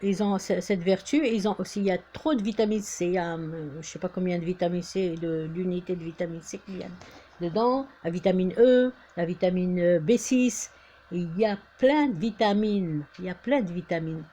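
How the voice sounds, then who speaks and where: A woman from Algeria speaks in a casual monologue, full of hesitations and restarts. Her voice sits fairly low and sounds warm and mellow. When she exhorts, she grows insistent and repeats herself. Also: a little fast. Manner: hesitant, many fillers and restarts. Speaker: vlogger.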